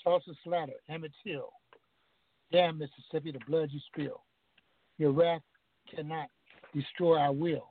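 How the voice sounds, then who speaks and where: A man's voice: on the high side, fairly even intonation, a little slow, pauses often, a little hiss or hum. A man calling in over the phone who recites a spoken-word poem in a rhythmic way, with strong refrains. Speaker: caller reciting his poem. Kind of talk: spoken-word poetry reading. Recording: tinny dry phone line.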